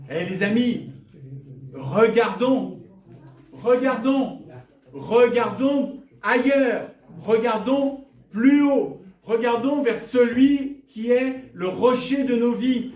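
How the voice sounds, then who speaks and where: A man from northern France preaching a lively sermon with rhetorical questions and jokes for the congregation. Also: high-pitched, far from the mic. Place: church hall. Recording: echoey church hall, from afar.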